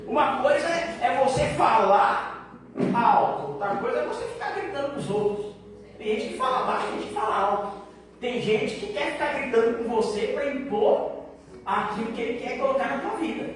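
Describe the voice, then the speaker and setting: A man preaching a sermon to his congregation, mixing easy conversational talk with sudden loud, emphatic lines and many rhetorical questions. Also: very high voice, animated, normal speed. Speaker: pastor. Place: large church hall. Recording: echoey hall, voice far off, background noise.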